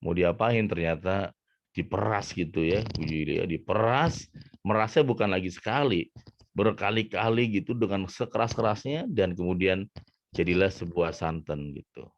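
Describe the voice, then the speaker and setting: A man who is a motivational coach, telling a story in an animated way during a talk. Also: low voice, moderate pace, no room sound. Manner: animated, acts out voices in his story. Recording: dull, muffled sound.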